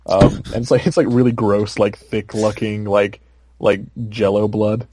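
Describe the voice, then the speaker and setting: A man's voice: lowish voice, level tone, a little slow, dark tone, no echo. A young man co-hosting a podcast, chatting casually with lots of fillers and frequent laughter. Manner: rambling, filler-heavy, laughs often. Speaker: podcast co-host. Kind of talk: casual chat.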